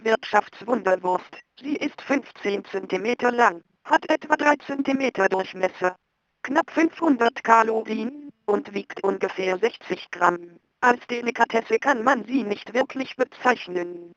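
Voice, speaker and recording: A man's voice: extremely high pitch, moderate pace, fairly bright tone, dry recording. A synthesized male voice reading stiffly, on dull lo-fi audio. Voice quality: synthetic, robotic.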